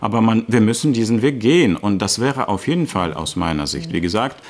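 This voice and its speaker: Man from Ukraine, deep voice, earnest, halting, talk show guest. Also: lively intonation, a little mellow. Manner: earnest, fluent with frequent hesitations. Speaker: guest politician. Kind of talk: political talk show interview.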